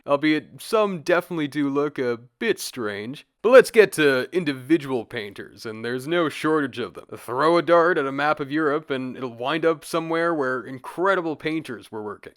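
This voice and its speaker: Guy narrating an art history video, excited and jokey, dry close sound. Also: mid-range voice, dry recording. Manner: enthusiastic, casual and jokey. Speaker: video essay host. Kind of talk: scripted video essay narration.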